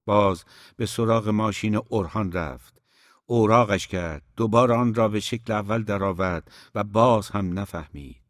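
A man reading a novel aloud as an audiobook narrator, in a measured, even storytelling manner. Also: fairly low pitch, no room sound, clean studio sound.

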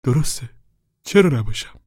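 A man voicing a stubborn male preacher who gives urgent commands in a husky voice. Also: medium pitch, lively intonation, a little mellow, dry recording, clean studio sound, pitched above the performer's own voice.

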